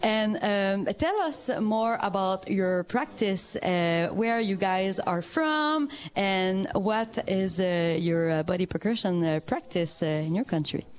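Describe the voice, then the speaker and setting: A woman's voice: medium pitch, expressive, slow, few pauses, clean tone. A woman hosting a radio interview, asking her questions with many hesitant fillers. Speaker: radio host.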